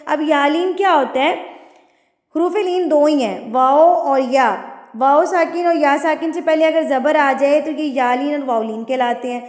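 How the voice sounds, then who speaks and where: A woman's voice: high voice, darkish tone. A woman teaching Quran recitation rules, patiently explaining each point. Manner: explains patiently, then recites slowly and drawn out. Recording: echoey room with long reverb.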